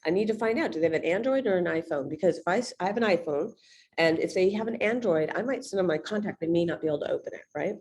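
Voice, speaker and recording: A woman with a slightly low voice gives sales coaching over a video call. She talks fast and bluntly, plain and direct with her listeners. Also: lively intonation, darkish tone. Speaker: real estate agent and sales coach.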